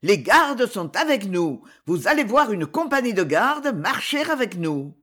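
A reader voicing a crowd of armed townsmen who shout and chant slogans in an audiobook. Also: medium pitch, sing-song, unhurried. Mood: rallying. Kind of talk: audiobook character reading.

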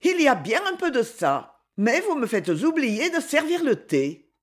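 A reader voicing a proud young Swiss woman with quick, indignant retorts, in a husky voice. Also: high voice, wildly swooping pitch, pitched above the performer's own voice, heavily acted. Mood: lively. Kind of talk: audiobook character voice.

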